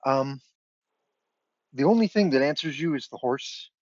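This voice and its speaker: Casting: man, game master narration, relaxed and unhurried with fillers, dry lo-fi sound. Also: medium pitch, no echo. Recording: dull lo-fi online audio.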